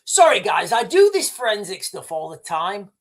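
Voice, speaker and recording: With a high voice whose pitch swoops wildly, this livestream host talks at a normal pace over video clips. He speaks straight to his viewers as "guys," rambling, restarting often and saying "right."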